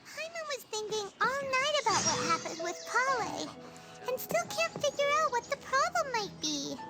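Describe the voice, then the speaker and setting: Squeaky pint-sized fairy sidekick for a game, bossy and excitable, swooping high and animated. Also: female voice, moderate pace, music in the background. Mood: chatty. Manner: refers to herself in third person, squeaky and whiny. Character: tiny floating fairy-like girl companion, excitable and bossy. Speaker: game companion character. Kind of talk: video game voice acting.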